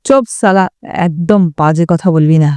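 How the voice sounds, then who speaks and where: Audiobook role: woman doing a drunk, belligerent young man. Slow, slurred, dark tone. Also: on the low side, clean tone, no room sound, pitched below the performer's own voice, close to an everyday voice. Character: drunk, boastful young man, quick to insult. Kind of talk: audiobook character voice.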